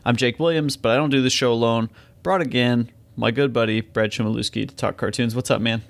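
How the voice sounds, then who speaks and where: A man's voice: mid-range voice, steady tone, fairly quick, creaky. Casual male podcast host, mid-range voice. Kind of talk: casual chat.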